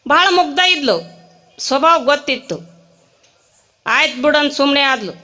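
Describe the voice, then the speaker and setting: A woman's voice: high-pitched, lively intonation, moderate pace, bright, forceful tone. A woman preacher with a North Karnataka accent, telling a comic story in a sermon and animating each character. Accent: North Karnataka Kannada.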